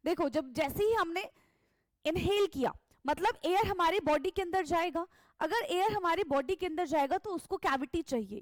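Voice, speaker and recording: A woman's voice: extremely high pitch, no echo, clean studio sound. A woman teacher, going over quiz questions step by step and calling the students "beta". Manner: slow and deliberate, code-switching between Hindi and English, calls students "beta".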